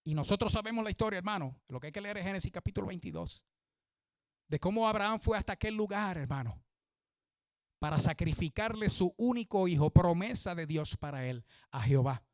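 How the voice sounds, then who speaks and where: High-voiced, fervent preaching pastor. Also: male voice, animated, brisk, darkish tone, no echo. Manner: fervent preaching, calls listeners "hermano". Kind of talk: sermon.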